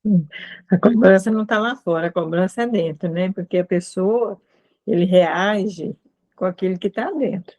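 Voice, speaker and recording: Mellow woman explaining calmly. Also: medium pitch, moderate pace, highs cut off. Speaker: discussion group participant. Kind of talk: casual group discussion.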